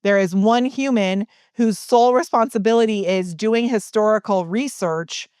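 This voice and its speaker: A middle-aged woman speaks as a guest in a casual interview, in an ordinary mid-range voice. She tells stories in an animated way and laughs between her points. Her voice sounds dry and close. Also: mid-range voice, normal speed, clean tone, dry recording. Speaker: guest, business coach.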